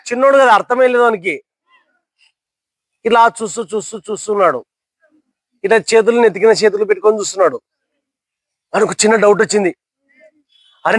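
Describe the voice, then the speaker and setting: A man's voice: high-pitched, fairly bright tone, no echo. A young man telling a motivational story to listeners, asking them questions and acting out characters' lines.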